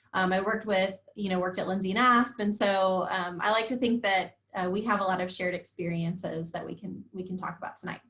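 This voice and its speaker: A woman's voice: mid-range voice, a bit bright. A young woman giving a friendly, conversational talk as a guest speaker over a video call, with frequent ums. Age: young adult. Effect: heard over a video call. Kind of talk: informal presentation. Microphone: computer or headset mic on a video call.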